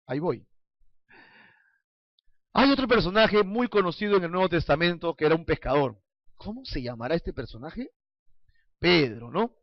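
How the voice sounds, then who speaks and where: A man's voice: high voice, dry recording. A man preaching a sermon in a playful, storytelling way, asking his listeners questions. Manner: playful, acts out little scenes and asks the congregation questions. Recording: dull lo-fi sound, dry.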